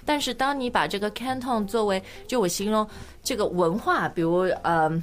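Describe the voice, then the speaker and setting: A woman from Shanghai hosting a bilingual language-lesson podcast, chatty and quick to laugh as she switches between two languages. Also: mid-range voice, soft background music. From Shanghai, China. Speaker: podcast host, English teacher.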